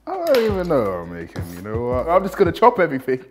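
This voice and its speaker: A man's voice: mid-range voice, huge pitch swings, quick pace, noisy background. A young man from London hosting a cooking show, joking and bantering while he cooks. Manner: joking, playful. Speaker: show host and contestant cook. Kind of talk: casual banter.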